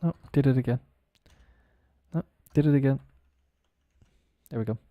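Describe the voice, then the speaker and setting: A man's voice: mid-range voice, moderate pace, mellow, no room sound, studio quality. A man teaching English pronunciation on a live stream, spelling words out letter by letter and chatting casually as he goes.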